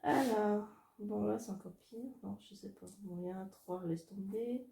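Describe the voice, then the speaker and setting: A woman from France thinking aloud in a casual solo video, soft-spoken and hesitant, laughing often as she draws cards and dice. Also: medium pitch, normal speed, gravelly, roomy sound. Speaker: illustrator doing card and dice draws.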